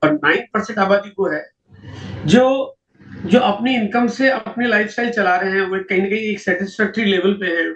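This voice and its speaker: A man's voice: sits high, moderate pace, fairly bright tone. A man giving a seminar talk on statistics, explaining at length with rhetorical questions. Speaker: network marketing seminar speaker. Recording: echoey, distant, dull lo-fi hall recording.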